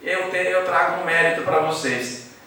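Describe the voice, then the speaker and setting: A man delivers a formal tribute speech in an embassy hall, wandering erudite asides and Latin phrases mixed with light jokes. His voice sits fairly high and sounds bright and forceful. The mic is well away from him, so the hall's strong echo fills the sound. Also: normal speed. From Santa Catarina, Brazil. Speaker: academy member giving a tribute speech. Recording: echoey hall, mic far off.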